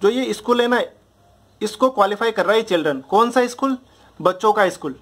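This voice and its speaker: A young man with a fairly high voice teaches a grammar lesson. He goes step by step, repeats the same example drills again and again, and keeps checking that his listeners follow. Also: animated, a little fast, fairly bright tone. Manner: explains patiently, repeating drills and checking understanding. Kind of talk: Hindi grammar lesson at a board.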